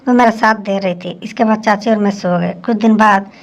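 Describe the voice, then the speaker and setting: A woman's voice: mid-range voice, fairly even intonation, fairly quick. Woman narrating a story. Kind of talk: scripted first-person story narration.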